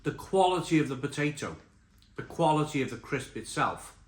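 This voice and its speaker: A British man with a fairly high-pitched, very lively voice gives a casual snack review as he eats. He is chatty and emphatic, often repeating himself. The room is echoey. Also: normal speed. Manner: talks while tasting and eating crisps. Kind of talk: casual spoken review to camera. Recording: roomy echo, faint background noise.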